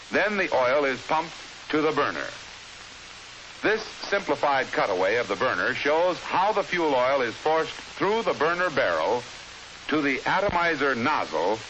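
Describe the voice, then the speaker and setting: An American man reading a scripted 1950s instructional film narration in a formal, measured, explanatory manner, on an old film soundtrack. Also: medium pitch, rough recording. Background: steady hiss.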